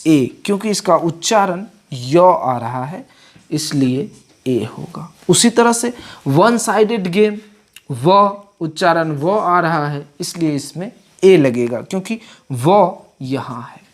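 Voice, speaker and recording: A woman's voice: deep voice, expressive, a little mellow. A woman teaching English grammar in a classroom-style lecture. She spells out letters and asks questions that she then answers herself. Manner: slow and deliberate, spells letters aloud, asks and answers her own questions.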